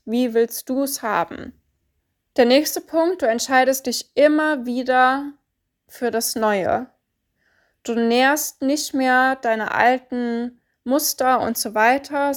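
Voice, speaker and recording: A woman giving a calm, deliberate coaching monologue, stressing points through repetition. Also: a little high. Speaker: spiritual coach.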